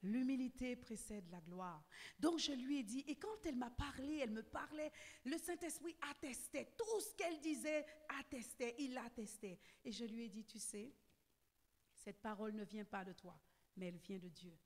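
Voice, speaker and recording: High-voiced woman preaching in echoey hall. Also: moderate pace. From French Antilles. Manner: repeats phrases, punctuates with amen, builds to fervent loud exhortation. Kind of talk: sermon. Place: church hall.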